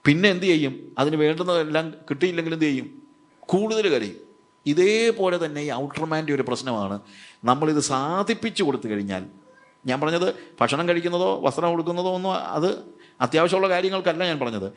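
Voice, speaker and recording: Preacher, slightly high. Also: male voice, expressive, fast talker. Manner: asks the audience rhetorical questions and answers them himself; mixes English words into his speech. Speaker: evangelist preacher. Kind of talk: sermon.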